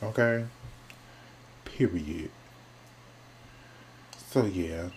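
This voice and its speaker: Slow, low-voiced podcast host. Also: male voice, darkish tone, a little hiss or hum. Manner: chatty, sassy, drifting between topics. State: sleepy, yawning. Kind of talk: casual solo podcast chat.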